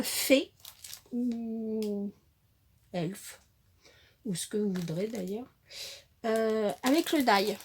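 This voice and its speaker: A woman's voice: a little high, a little hiss or hum. A woman chatting casually while showing off a craft-supply haul, hesitant with many fillers and self-corrections. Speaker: crafting vlogger.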